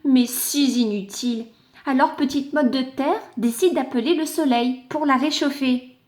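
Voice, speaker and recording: Woman reading a children's story, slow. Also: high-pitched. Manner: gentle, explains words for children.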